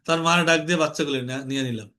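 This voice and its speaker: A young man leads an online lesson with a high, ringing voice. He talks earnestly, circles back over his points and calls on students to answer. His tone is bright and forward. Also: racing, a little hiss or hum. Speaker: online class instructor. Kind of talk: informal teaching lecture. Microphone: online class call.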